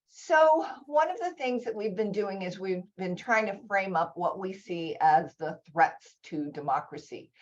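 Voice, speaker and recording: A woman leads an online conference session in an informal, enthusiastic way, talking in quick bursts. Her voice sits a bit low for a woman. The call audio is dull and lo-fi. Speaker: session presenter. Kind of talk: conference talk over video call. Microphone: video call.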